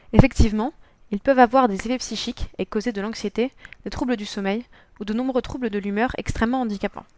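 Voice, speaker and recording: Teen girl from france reading her school project voice-over, careful and even, fairly high voice, dry close sound. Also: no echo. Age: teenager. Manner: reads a prepared text in an even, careful tone. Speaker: student presenter. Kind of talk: scripted voice-over narration.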